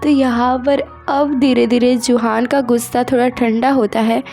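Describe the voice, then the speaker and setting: A woman casually retelling a comic story in a chatty, expressive way. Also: on the high side, measured pace, faint music behind.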